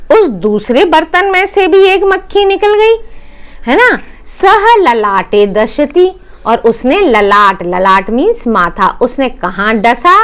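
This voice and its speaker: A woman teacher explaining a Sanskrit lesson in Hindi, going word by word, repeating each meaning and checking in with her students. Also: a little high. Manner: addresses students as "बेटा".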